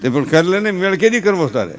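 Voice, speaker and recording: A man with a Kathiawadi Gujarati accent, a stage comedian mixing folksy, animated stories with earnest advice. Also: sits high, fast. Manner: folksy, animated storytelling with gestures; earnest advising. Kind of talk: humorous stage talk with advice.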